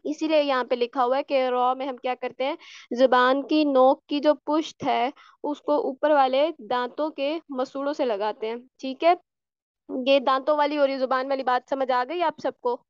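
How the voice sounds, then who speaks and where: High-voiced woman teaching Quranic recitation. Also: steady tone, normal speed, clean tone, dry recording, highs cut off. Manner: patient, repeats sounds to demonstrate, checks students follow. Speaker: tajweed teacher. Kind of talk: online class lesson.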